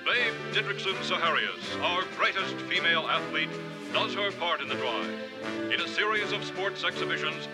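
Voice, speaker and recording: An actor playing a 1940s newsreel announcer, reading a news bulletin in a formal announcer delivery. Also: male voice, high-pitched, normal speed, natural voice, rough recording. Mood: urgent. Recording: old radio and newsreel audio with music.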